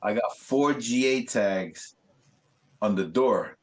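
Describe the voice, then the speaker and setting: Low-voiced New man telling graffiti stories. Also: slow. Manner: animated, swearing, street slang. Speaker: graffiti artist guest. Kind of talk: casual interview storytelling.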